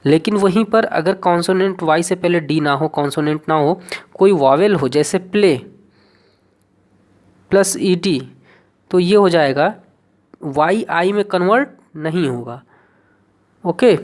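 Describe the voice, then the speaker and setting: A woman with a fairly low voice teaching an online English class. She walks through grammar rules step by step, spells words out letter by letter and keeps checking that her students follow. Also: darkish tone. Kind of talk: online exam-prep lesson.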